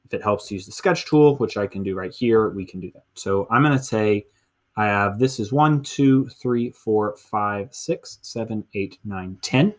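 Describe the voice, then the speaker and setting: Counting aloud, an American middle school teacher in his thirties breaks a lesson into steps for an instructional screencast. His low-leaning voice takes an unhurried pace.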